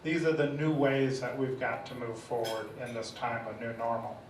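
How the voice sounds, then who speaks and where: A man's voice: medium pitch, flat delivery, normal speed, heavy background noise. Man speaking on a panel in an echoey hall. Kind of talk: panel discussion remarks. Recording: echoey room, mic from far off.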